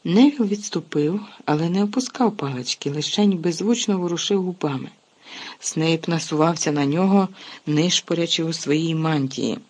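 An expressive audiobook narrator who tells the story with lively swings in volume and emphasis. The voice is husky and slightly breathy, sitting in a middle pitch. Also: moderate pace. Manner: lively, expressive storytelling with sharp shifts in loudness. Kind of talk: audiobook reading.

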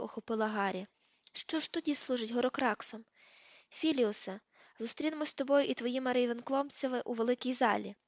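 A woman's voice: a little high, no room sound. A woman narrating an audiobook, reading the page numbers aloud and shifting her voice for the characters. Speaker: audiobook reader. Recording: dull lo-fi dry recording.

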